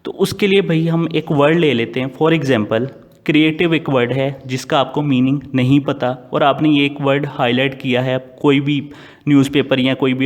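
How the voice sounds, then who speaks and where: A man who speaks Urdu natively, giving an online English vocabulary lecture. He quizzes his students and answers his own questions, and he reads English phrases out slowly. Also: mid-range voice. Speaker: English teacher. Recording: long hall reverb.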